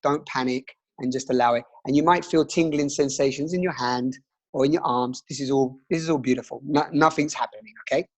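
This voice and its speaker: A man leading a guided breathing exercise as a teacher, speaking in a gentle, reassuring way with pauses. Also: mid-range voice, steady tone.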